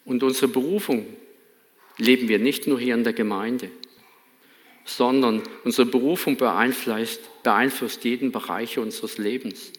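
A man's voice: mid-range voice, steady tone, unhurried. A man preaching a sermon in a church, earnest and emphatic, with a light Baden accent. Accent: Baden German. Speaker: pastor. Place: church hall. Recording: reverberant church hall.

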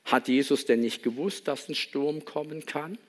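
A man's voice: on the high side, normal speed. A man giving a sermon in a reflective manner, asking many rhetorical questions and reading a Bible passage. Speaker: pastor.

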